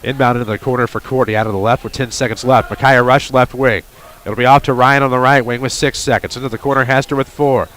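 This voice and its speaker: A man calling a high school basketball game for radio play-by-play, quick with wry asides, from a gymnasium with faint noise behind. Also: steady tone, fairly bright tone. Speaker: play-by-play announcer.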